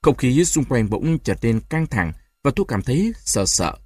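A man narrating a novel in an expressive audiobook reading. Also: mid-range voice, normal speed, a little hiss or hum. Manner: expressive storytelling.

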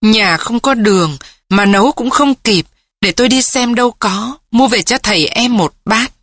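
A woman's voice: on the high side, normal speed, a bit bright, slightly rough, no room sound, clean studio sound, pitched above the performer's own voice. A woman voicing a pretty young village wife with a sweet, falsely tearful voice. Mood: eager. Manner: sweet wailing calls.

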